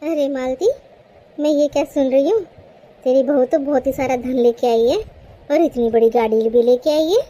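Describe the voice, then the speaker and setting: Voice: high-pitched, moderate pace, mellow. Someone doing a nosy, gossipy cartoon auntie. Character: nosy, gossipy middle-aged female friend.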